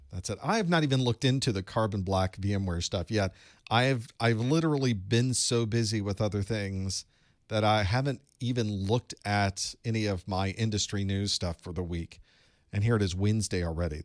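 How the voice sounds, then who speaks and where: A man with a lowish voice runs a live-streamed study group from his home studio packed with electronics, mixing casual chat and instruction with light jokes as he greets viewers. There's no room sound on the recording.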